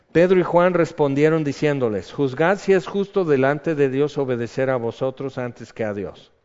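A man preaching a sermon, chatty and animated, acting out the people in his stories. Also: medium pitch, clear, resonant tone. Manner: conversational, animated storytelling with acted-out quotes. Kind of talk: sermon on a Bible passage. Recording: reverberant hall, dull lo-fi sound.

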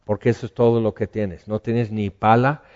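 A man's voice: fairly low pitch, little pitch movement, moderate pace, darkish tone, highs cut off. A man preaching a sermon in a conversational way, asking the listeners questions.

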